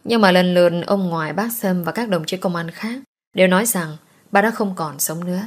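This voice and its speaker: A woman's voice: fairly low pitch, fairly quick. A woman narrating a first-person romance audiobook with an emotional, dramatic reading.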